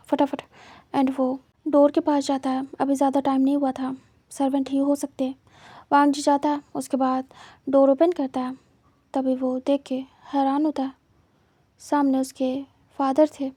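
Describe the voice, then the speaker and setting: A woman tells a fan fiction story in a high, mellow voice, moving through the scenes at a steady, even clip. Her pitch stays narrow and level, and she slips English words into her narration. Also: moderate pace, no echo. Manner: plain, steady retelling mixed with English words.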